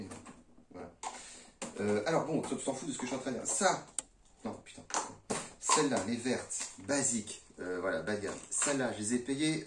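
A man's voice: mid-range voice, noisy background. A man casually reviewing a gun for his viewers, rambling and swearing a lot while shooting outdoors, recorded on a phone a few meters away. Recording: echoey, from a distance.

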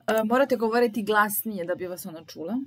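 A woman teaches German, sounding out each sentence slowly and repeating it so learners can follow. Her voice sits at a middle pitch, and the pace stays deliberate and patient. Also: no room sound, low-quality recording. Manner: slow, deliberate repetition of phrases. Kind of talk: language lesson, translating sentences aloud.

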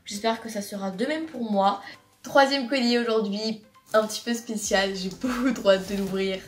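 A woman's voice: medium pitch, normal speed, far from the mic. Chatty teenage girl, roomy and off-mic. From France. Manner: chatty, gushing, many fillers and restarts. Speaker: vlogger. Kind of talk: casual haul vlog. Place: bedroom. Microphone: camera across the room. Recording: roomy bedroom sound from off-mic.

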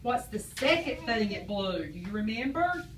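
With a mid-range, sing-song voice at a moderate pace, a woman preschool teacher questions and praises a class of small children after a read-aloud. The distant recording captures an echoey classroom and a noisy background.

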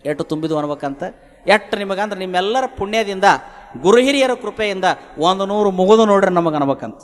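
High-voiced preacher chanting verses in a hall. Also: male voice. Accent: North Karnataka Kannada. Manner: chants vachana verses slowly, then explains in lively colloquial speech. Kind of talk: devotional sermon with sung verses.

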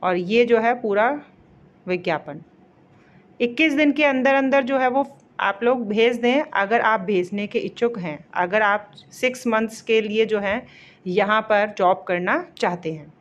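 A woman explaining a job vacancy notice in a casual walkthrough, pausing on fillers and reading official names slowly. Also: fairly high pitch, lo-fi sound. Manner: explanatory, repeats fillers and pauses mid-phrase; reads English names slowly, word by word.

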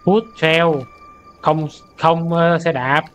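A young man doing let's-play commentary on a horror game, easily startled into loud outbursts and translating the game's English lines aloud as he goes. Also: a little high, level tone, slow pace, smooth, lo-fi sound, soft background music. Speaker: gaming streamer.

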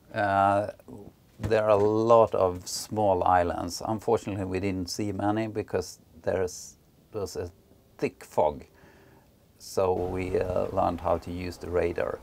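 A middle-aged man from Sweden, a Swedish speaker, narrating his sailing travels in an unhurried way with many filler pauses. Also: sits low, gravelly, a little mellow. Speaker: sailing vlogger.

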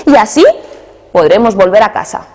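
A woman's voice: medium pitch, lively intonation, moderate pace, a little mellow, lightly acted. A woman storyteller voicing a tiny clever little boy in a spoken fairy tale, raising her voice to sound young. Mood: reassuring.

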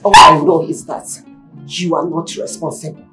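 A woman's voice: deep voice, flat delivery, normal speed, pushed and bright, soft background music. An actress with a Nigerian accent playing a tired mother who answers her husband back in short, curt retorts. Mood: weary.

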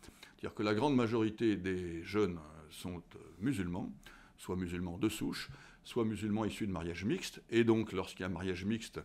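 A history teacher in his sixties appears as a guest, answering at a measured pace with many fillers and restarts. His voice is low-pitched and a little mellow. He's recorded on a desk studio microphone in an indoor office with a tall window.

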